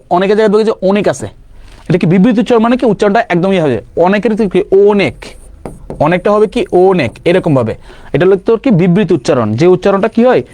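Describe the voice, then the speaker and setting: A young man teaching grammar for an exam-prep class, firing quick questions and answering them himself, casually mixing in English words. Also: high voice, dark tone, dry recording. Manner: quizzing with rapid questions and self-answers. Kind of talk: online exam-prep lesson.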